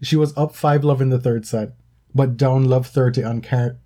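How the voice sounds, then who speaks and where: A man's voice: medium pitch, steady tone, moderate pace, mellow. A man co-hosting a casual podcast, earnest at times but with wry, teasing asides. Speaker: podcast co-host. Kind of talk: casual chat.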